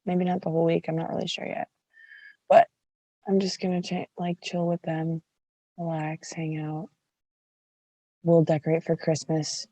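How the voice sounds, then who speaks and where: Chatty woman with a gravelly morning voice. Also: sits low, monotone, normal speed, pauses often, mellow, no room sound, rough recording. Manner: chatty, lots of fillers like "like". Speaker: podcast host. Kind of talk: casual chat.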